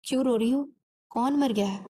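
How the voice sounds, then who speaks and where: Blunt impatient young husband, read by a woman, warm mellow voice, storybook reading. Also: a little high, moderate pace, natural voice. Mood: curt. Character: curt irritable young husband.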